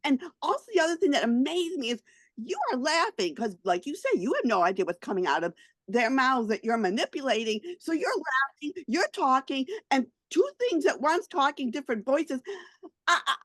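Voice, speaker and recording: A woman with a high, swooping voice chats as an interviewer. She is excitable and gushing, and the sound is dry and close. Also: moderate pace, no echo. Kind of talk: casual interview chat.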